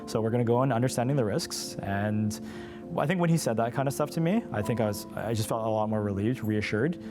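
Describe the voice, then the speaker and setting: Over music, an interview guest who is the patient's brother recounts his experience in a candid, earnest, conversational way. His mid-range voice is expressive and his pace brisk.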